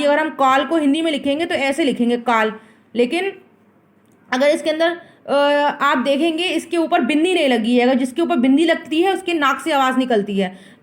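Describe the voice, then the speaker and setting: High-voiced woman teaching a class. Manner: asks the class questions and answers them herself, repeats each word; mixes English words into her Hindi. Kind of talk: explaining a grammar lesson to children.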